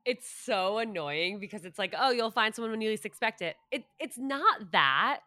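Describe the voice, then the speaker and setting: A woman in her late twenties hosting a podcast interview, candid and self-deprecating, and quick to laugh. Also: a little high, animated, pushed and bright, no room sound, studio quality. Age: 20s. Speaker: podcast host. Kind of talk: casual interview chat.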